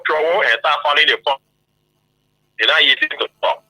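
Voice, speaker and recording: A man calling in to a radio show, lively and loose, laughing easily. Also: fairly high pitch, moderate pace, no echo, low-quality recording. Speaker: caller. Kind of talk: phone-in chat.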